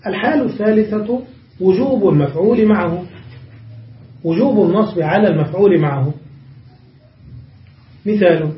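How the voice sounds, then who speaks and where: Male teacher, high voice, asks rhetorical questions, dull echoey room, mic at a distance. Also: normal speed, long pauses, slight background noise. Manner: explains step by step with rhetorical questions. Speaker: Arabic grammar teacher. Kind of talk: classroom grammar lesson.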